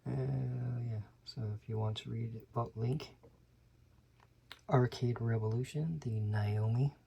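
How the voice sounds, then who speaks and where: A man reads magazine slogans aloud at an unhurried pace and tacks on dry, muttered remarks, sometimes dropping to a whisper. His voice is soft and mellow, with a faint hiss behind it. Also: mid-range voice, fairly even intonation, vocal fry. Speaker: channel host. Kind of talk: casual commentary while paging through a magazine.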